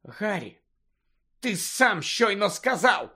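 Brief: a man voicing a worried clever teen girl, pleading, lively rising pitch. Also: a little slow, heavily acted. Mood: hissing. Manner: hissing, pleading. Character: anxious, insistent teenage girl, pleading.

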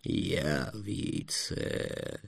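A gloomy, grumpy old dragon, as a storyteller puts him on, growling in a deep, very low, gravelly voice. He drawls his words slowly and mutters as if from inside his own wing. The audiobook voice sounds husky and a little distant. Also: huge pitch swings, no echo, studio quality, exaggerated voice. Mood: sulky muttering. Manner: slow, brooding, muttering. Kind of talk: audiobook character voice.

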